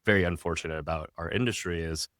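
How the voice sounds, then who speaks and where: A man who founded a restaurant tech company talks fast as a casual podcast guest, his low voice fairly bright. Steady in his explaining despite small restarts, he keeps tagging statements with a questioning "right?". The recording is dry, clean studio sound.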